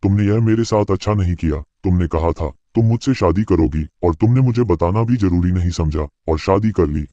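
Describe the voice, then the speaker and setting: Man doing a bitter jilted young man, deep and dull. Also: a little fast, few pauses, warm tone, no room sound, natural voice. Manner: accusing, resentful.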